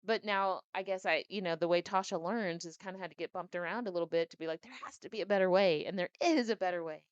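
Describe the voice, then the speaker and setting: Low, smooth-voiced woman reading aloud. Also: fast talker, no echo, highs cut off. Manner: chatty, animated asides between reading. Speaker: podcast host reading and commenting. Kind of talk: book reading with casual commentary.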